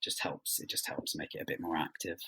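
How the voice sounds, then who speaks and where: A bass-voiced man with a flat delivery and a bright, forceful, breathy-edged tone answers interview questions as a writer. Thoughtful yet hesitant, he speaks haltingly, often rephrasing and trailing off.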